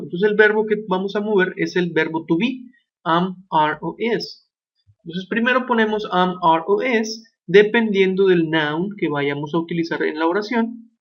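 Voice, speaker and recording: A man explaining English grammar slowly and deliberately, asking his students questions as he goes. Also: high voice. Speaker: English teacher. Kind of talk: grammar lesson narration. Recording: dull lo-fi recording.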